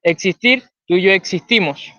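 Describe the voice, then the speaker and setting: A man from Venezuela with a Venezuelan accent, a guest calmly explaining a philosophical idea in conversation. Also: high-pitched, moderate pace, dry recording, highs cut off.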